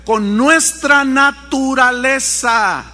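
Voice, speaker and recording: A man preaching a sermon, telling a story with animated acted-out voices. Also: very high-pitched, very slow, long reverb tail. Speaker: pastor.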